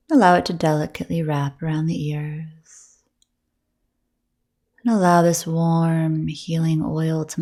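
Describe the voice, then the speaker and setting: In a low voice, a woman guides a yoga nidra meditation, gentle and breathy, soothing and soft, leaving long silences between her phrases.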